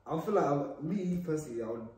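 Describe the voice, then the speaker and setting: A man's voice: a little high, animated, quick pace, a little mellow. A young man chatting casually with friends, laid-back with slang and laughter. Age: young adult. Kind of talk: casual chat. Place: living room on a sofa. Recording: very echoey room, far from mic.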